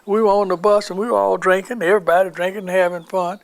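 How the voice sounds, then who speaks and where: A man's voice: high voice, flat delivery, fast, creaky. An older man recounting his wartime army memories in an oral history interview, rambling and acting out the voices of people he quotes.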